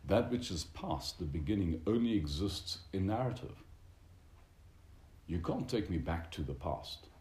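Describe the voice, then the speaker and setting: A man with an extremely deep, mellow voice delivers a reflective, unscripted lecture. His phrasing is donnish and formal, with searching academic hesitations. The room is echoey. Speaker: religious teacher lecturing a group. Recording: roomy echo with background noise.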